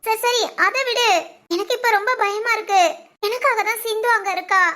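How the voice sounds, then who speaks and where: A sweet, anxious young bride speaks in a very high, bright voice. She talks earnestly and pleads gently. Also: fairly even intonation, moderate pace.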